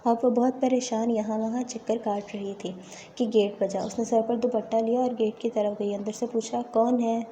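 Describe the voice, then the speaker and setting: Woman narrating a story, steady reading, somewhat high, monotone. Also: slight background noise.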